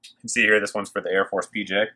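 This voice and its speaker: Fast-paced and sharp-toned, a man with a lowish, level voice presents gear to the camera in an informal, excited way. He hosts a review video from inside a working factory, where machine noise and clicks fill the background.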